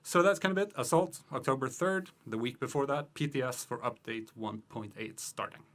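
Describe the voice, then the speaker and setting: A man reading out game news quickly, hurried and a bit out of breath. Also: mid-range voice, a bit bright. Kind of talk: rapid news update.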